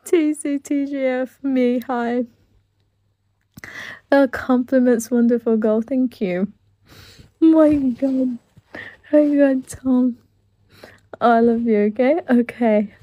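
Her voice sits high and warm, and she speaks slowly, pausing often. She's a young Filipino-accented woman from the Philippines, live-streaming indoors on a phone held close at arm's length while she reads comments, giggles and gushes thanks to viewers.

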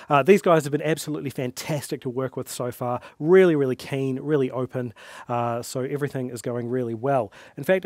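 A man's voice: on the high side, no echo. Easygoing New man, dry close sound. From New Zealand. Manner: relaxed, with frequent filler "uh". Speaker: host. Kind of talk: casual company update. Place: studio workshop set, then at a desk.

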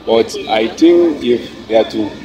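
A man's voice: mid-range voice, expressive, unhurried, low-quality recording. A young man student answering a campus interview thoughtfully, checking in with the interviewer. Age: young adult. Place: outdoors on campus.

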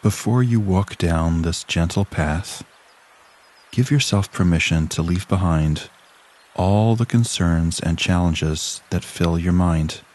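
His voice sits low as he narrates a scripted relaxation exercise. The man speaks calmly and soothingly, in a measured way, pausing at length.

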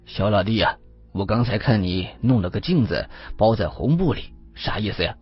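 A man's voice: on the low side, lively intonation, normal speed, breathy edge. A man voicing a curious, jovial middle-aged police detective who talks in a chummy, colloquial way. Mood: curious, teasing. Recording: slightly muffled with faint music.

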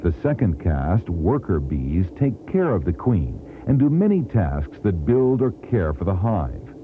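A man narrating an educational documentary in a clear, teacherly way, heard from a worn VHS tape copy. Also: deep voice, sing-song, measured pace, a little hiss or hum. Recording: thin, tinny worn VHS tape with music. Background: music score.

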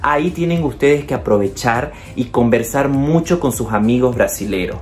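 A Bolivian man with a Bolivian Spanish accent gives language tips as a video host, speaking to the camera at a moderate pace in a medium-pitched, expressive, slightly mellow voice. He's chatty and encouraging, addresses viewers directly, and often says "entonces".

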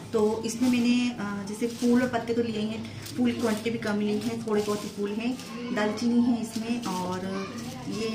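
A woman vlogger doing a voice-over at home, explaining her cooking and housework step by step in a homely way. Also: medium pitch. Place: home at night, recorded separately as voice-over.

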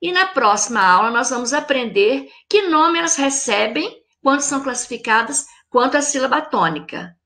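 A Brazilian woman teaching a video lesson to children, slowly sounding out words syllable by syllable in an affectionate teacherly tone. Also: high-pitched, expressive, bright, forceful tone. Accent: Brazilian Portuguese. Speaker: primary school teacher.

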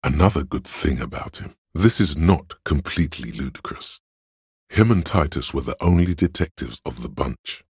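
An actor playing a cold, analytical inner voice of logic in a video game, deadpan, measured and condescending, with a deep gravelly, husky delivery. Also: male voice, dry recording, full character voice. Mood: dry, deductive. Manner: measured, deadpan, dry and matter-of-fact. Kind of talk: scripted second-person inner-voice narration.

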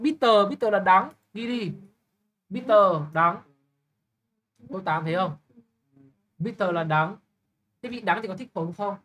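Young male tutor, bright voice, brisk, blunt teasing, always asking "got it?". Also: sits high. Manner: brisk, keeps checking understanding with quick questions; blunt, teasing address to a student. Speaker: English tutor. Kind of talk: live tutoring lesson.

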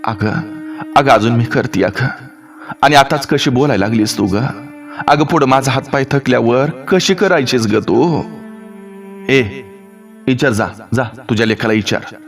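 A man voicing a quarrelsome old village mother-in-law who scolds loudly. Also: mid-range voice, a little slow, faint music behind, natural voice. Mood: hurt scolding.

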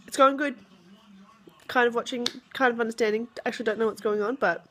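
A woman's voice: a little high, steady tone, brisk, fairly bright tone. A young Australian woman talking casually to her viewers in a rambling vlog, with lots of fillers. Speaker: vlogger.

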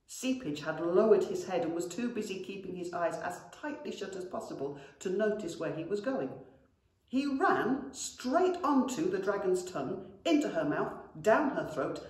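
A middle-aged schoolteacher with a lowish, darkish voice reads a children's story expressively, speaking to the kids with affection. She's in a very echoey indoor classroom, picked up by a camera a few metres away.

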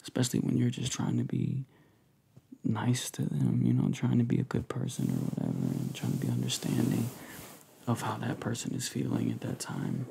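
A young man in casual, confiding pillow talk, telling a story in a soft murmur that drifts into a whisper. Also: medium pitch, big pitch swings, normal speed, gravelly, background noise. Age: young adult. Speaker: ASMR creator. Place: living room couch, indoors.

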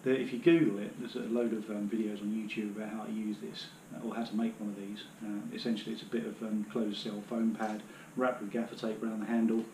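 A man's voice: lowish voice, flat delivery, quick pace, few pauses, a little mellow, slight background noise. Chatty British man in an echoey living room. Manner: chatty, rambling, many fillers. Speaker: outdoor gear vlogger. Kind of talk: casual demonstration. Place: living room at home, kneeling on floor. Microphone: camera on the floor a few metres away.

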